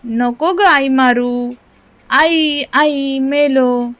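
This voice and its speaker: A woman's voice: high-pitched, lively intonation, takes it slowly, a bit bright, heavily acted. A woman reading aloud and voicing a frightened young boy who wails and cries out. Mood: wailing. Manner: wailing, drawn out.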